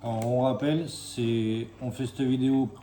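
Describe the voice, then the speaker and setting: A man talks casually through a tasting in a soft, mellow tone. He sounds like he is in a reverberant room, with a little background noise. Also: mid-range voice, fairly even intonation, moderate pace. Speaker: co-host of a tasting video. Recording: echoey room with faint noise.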